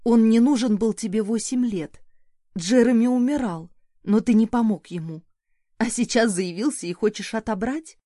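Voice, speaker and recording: A woman's voice: a little high, moderate pace, dark tone, no room sound, clean studio sound, natural voice. A woman reading an audiobook, voicing a young mother who answers sharply and defiantly in a raised voice. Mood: anguished, defiant.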